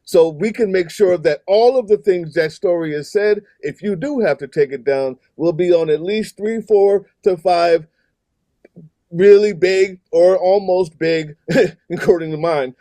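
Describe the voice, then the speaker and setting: A man's voice: high voice, measured pace, warm tone, no echo. A man hosting a podcast in casual chat, rambling with fillers and restarts. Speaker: podcast host.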